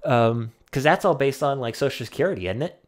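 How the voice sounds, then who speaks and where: A man's voice: mid-range voice, animated, a little fast. Wry, rambling young man vlogging. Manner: rambling and wry, with frequent fillers and mild swearing. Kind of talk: casual rambling monologue.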